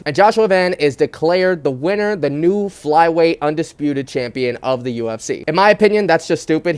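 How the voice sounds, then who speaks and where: A man's voice: a little high, a little mellow. A man speaking into wired phone headphones as a mic, giving casual, opinionated fight commentary in a slangy, blunt way with some swearing. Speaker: sports commentary vlogger. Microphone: wired phone headphones used as microphone.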